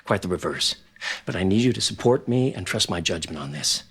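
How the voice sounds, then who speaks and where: An actor playing a steady businessman father who speaks in a calm, measured and firm way. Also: low voice, slightly rough, heavily acted. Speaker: father of Ryan. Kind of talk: soap opera acting.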